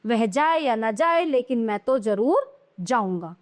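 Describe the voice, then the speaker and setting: A woman's voice: fairly high pitch, lively intonation, a little slow. A woman teaching a grammar lesson to young children, explaining patiently and answering her own questions.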